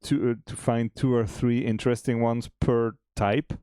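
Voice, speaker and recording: A man's voice: mid-range voice, moderate pace, clear, resonant tone, no room sound. Guy chatting about his game on stream, easygoing, laughs a lot, dry close mic. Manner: relaxed, chatty, laughs often, many restarts. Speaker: indie game developer. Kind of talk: casual chat on a dev stream.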